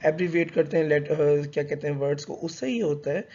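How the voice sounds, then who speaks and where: A man's voice: fairly high pitch, steady tone, dark tone. A male teacher explaining a lesson in a conversational, hesitant way, with fillers and self-corrections. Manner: reads English slowly, then explains in conversational Hindi mixed with English. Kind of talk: explanatory lecture. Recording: dull lo-fi recording.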